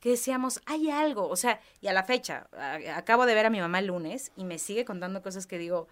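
A young Mexican woman telling a personal story in a casual chat, animated, acting out voices and screams. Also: medium pitch, fairly quick. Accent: Mexican Spanish. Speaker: podcast guest.

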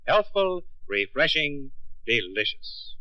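A man's voice: fairly high pitch, big pitch swings, takes it slowly, sharp tone, no room sound. A man reading ads and credits as an old radio announcer, in a polished, upbeat sales delivery. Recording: dull vintage radio broadcast, music behind.

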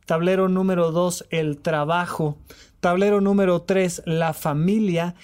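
High-voiced man, animated and emphatic. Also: unhurried, clear, resonant tone. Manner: animated, repetitive, acts out quoted dialogue. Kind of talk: podcast talk on emotional health.

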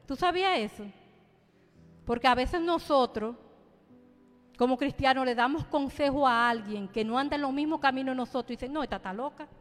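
Woman, high voice, church testimony, fervent, repetitive, echoing hall, soft music behind. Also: moderate pace, pauses often. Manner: fervent, repeats phrases for emphasis. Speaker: church speaker giving a testimony. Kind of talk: sermon testimony.

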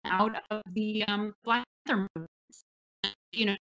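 A woman's voice: medium pitch, steady tone, unhurried, a bit bright, lo-fi sound, soft background music. A woman speaking on a panel over a video call, her audio breaking up and dropping out on a bad connection, talking hesitantly with many fillers and restarts.

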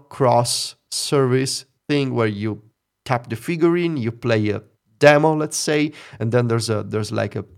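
A man, co-hosting a casual podcast chat and musing wryly with opinions. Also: medium pitch. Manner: musing, opinionated, wry laughter. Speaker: podcast co-host.

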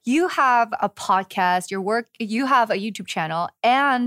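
A woman's voice: fairly high pitch, measured pace, fairly bright tone, no room sound. A woman hosting a podcast, chatting enthusiastically with a guest and filling her talk with casual "like"s. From Los Angeles, USA. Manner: chatty, enthusiastic, many likes. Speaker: podcast host. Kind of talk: casual chat.

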